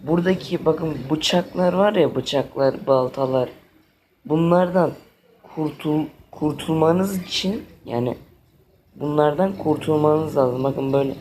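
An exasperated man commentates his own video game playthrough for his gaming channel, speaking to the game and to viewers alike. His voice is on the high side, unhurried and a little mellow, with slight background noise.

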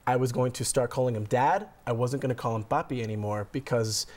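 Male reporter in his 30s, quick and eager, lapel mic in a news studio. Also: mid-range voice, darkish tone. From Burbank, California. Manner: eager, explanatory, talks with his hands. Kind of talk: studio news segment, conversational.

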